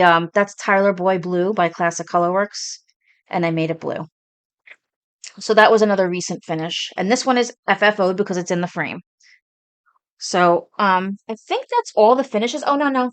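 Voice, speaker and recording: A woman's voice: mid-range voice, moderate pace, smooth, no room sound. Brooklyn lady in her 40s rambling about her cross stitch stuff, dry close sound. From Brooklyn, New York. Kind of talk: casual show-and-tell chat.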